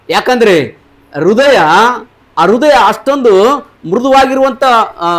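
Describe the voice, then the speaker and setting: ಎತ್ತರದ ಧ್ವನಿಯ ಉತ್ತರ ಕರ್ನಾಟಕದ ಪಾದ್ರಿ. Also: male voice, very high-pitched, a bit bright. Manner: questions the congregation, repeats their answers. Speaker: pastor. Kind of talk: sermon with call-and-response.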